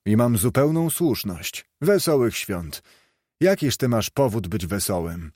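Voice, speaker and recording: A man voicing a miserly, grumpy old moneylender who mutters curt, gruff replies in a dry-sounding recording. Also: medium pitch, animated, unhurried, a little mellow, dry recording. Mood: grumbling scornful.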